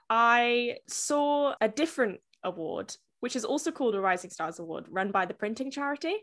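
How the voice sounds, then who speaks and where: A woman's voice: medium pitch, a bit bright. A woman, talking in a casual video call interview over a headset from a small room at home, chatty and full of restarts. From South Wales. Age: 20s. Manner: chatty, gestures while talking, many fillers and restarts. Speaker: interview guest, publishing professional.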